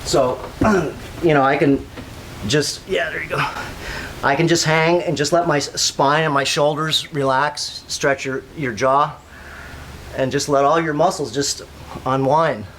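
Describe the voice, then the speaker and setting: A man's voice: on the high side, measured pace, a bit bright. A man giving a casual, rambling exercise demonstration, instructing as he goes and repeating himself. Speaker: workout host. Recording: clearly noisy ambient background.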